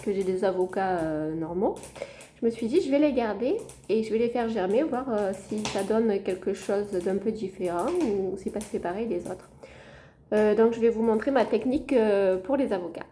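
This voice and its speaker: A woman's voice: mid-range voice, normal speed, dark tone, a little hiss or hum. A woman chatting casually in a home vlog, showing her plants to viewers. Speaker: gardening vlogger. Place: at home by a window.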